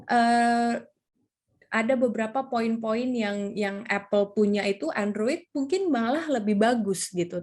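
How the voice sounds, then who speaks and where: A woman's voice: medium pitch, a little mellow. A woman teaching public speaking over slides, in a casual, chatty way with many fillers. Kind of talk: slide presentation lesson.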